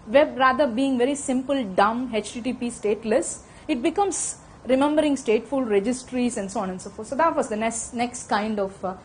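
A middle-aged woman with an Indian accent talks quickly through a technical lecture to a conference room crowd on a handheld microphone, frequently asking "okay?". Her voice is a little high, and the recording is low quality with slight background noise.

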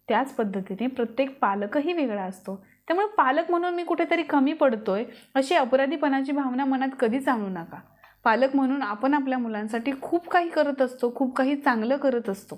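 A woman talking to parents straight to camera in an earnest advice vlog, asking them many rhetorical questions. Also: on the high side. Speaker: parenting vlogger. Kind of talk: direct-to-camera advice talk.

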